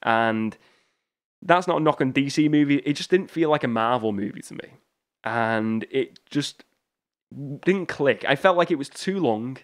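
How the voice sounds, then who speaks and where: A man's voice: medium pitch, expressive, measured pace. Chatty male podcast host. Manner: chatty, loose, frequent "uh" and restarts. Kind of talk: solo casual podcast talk.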